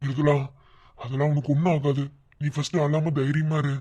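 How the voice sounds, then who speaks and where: A performer voicing a grieving, anxious young man in an animated drama. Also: mid-range voice, fairly quick, close to an everyday voice. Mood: worried grief. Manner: anxious, lamenting.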